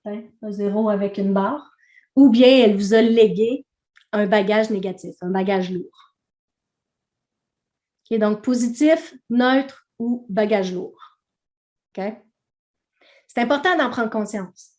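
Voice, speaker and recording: A woman's voice: mid-range voice, takes it slowly, long pauses, darkish tone, reverberant. A woman with a Québécois accent teaching a training session in a conversational way, often checking in with her audience.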